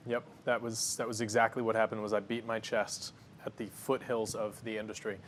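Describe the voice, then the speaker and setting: A man's voice: fairly low pitch, a little fast, slight background noise. A man, a company founder, talking confidently through a cooking demo and interview in a studio kitchen. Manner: confident, energetic, explains as he works.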